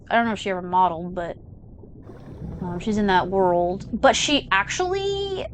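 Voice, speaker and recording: Game music plays behind a young adult gaming channel host as she talks through her gameplay. Her mid-range voice carries a little hiss or hum, and her chatter drifts into tangents, padded with plenty of fillers.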